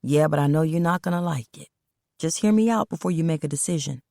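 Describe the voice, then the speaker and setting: A woman's voice: low-pitched, fast, gravelly, dark tone, no room sound, studio quality. A woman voicing a huge, scowling man who talks coolly and persuasively, in a storybook reading. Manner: cool, level, persuasive.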